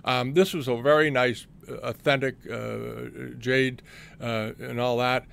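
A man's voice: medium pitch, level tone, measured pace, creaky, a bit bright, clean tone. A middle-aged man hosting an antiques show, talking casually through auction results with many fillers and restarts.

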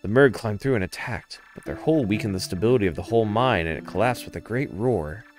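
Casting: a man putting on a gruff elderly village elder, deep and formal, game dub. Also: lively intonation, fast, close to an everyday voice. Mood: grave. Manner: grave, formal, low-pitched. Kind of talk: comic let's-play voice acting.

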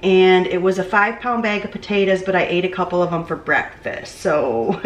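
A woman's voice: on the low side, normal speed, distant mic. A woman in her thirties chatting casually while she cooks in a small home kitchen, picked up by the camera mic as she moves around. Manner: chatty, talks while cooking and moving around. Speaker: cooking vlogger. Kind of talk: casual cooking vlog. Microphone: camera mic, distance varies as she moves. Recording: roomy kitchen echo, off-mic at times.

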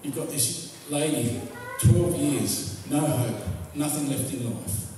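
A man's voice: mid-range voice, takes it slowly, background noise. A male pastor preaching a sermon, retelling a story vividly to his congregation. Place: church hall. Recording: echoey hall, distant mic.

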